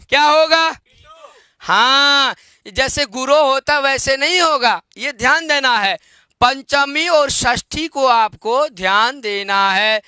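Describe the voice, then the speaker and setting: A male Sanskrit teacher giving an online grammar lesson. He repeats word forms, quizzes his students with questions and chants the declensions slowly in a sing-song way. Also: extremely high pitch, bright, forceful tone, clean tone, no echo, studio quality.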